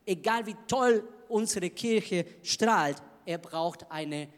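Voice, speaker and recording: A man preaching a sermon in an emphatic manner, swinging between loud bursts and hushed lines. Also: high-pitched, slow, long reverb tail. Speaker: pastor.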